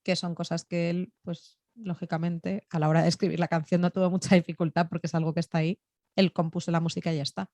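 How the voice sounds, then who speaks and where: A woman interprets between two languages at a rapid clip. Her voice sits on the low side for a woman and sounds dry and close. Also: no echo. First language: Spanish. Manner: rapid and lively, laughing easily.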